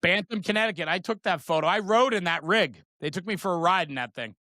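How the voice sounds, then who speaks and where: Speaking quickly in a high, pushed, bright voice, this middle-aged guest who founded a trading card brand chats with excitement while showing things off. He uses slang and often seeks agreement. The recording is dry and of studio quality.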